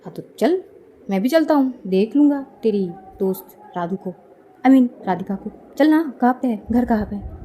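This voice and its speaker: A woman's voice: a little high, expressive, moderate pace, mellow, a little hiss or hum, lightly acted. A woman voicing a playful, mischievous older male cousin who teases his sister. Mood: cheeky. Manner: teasing, cheeky.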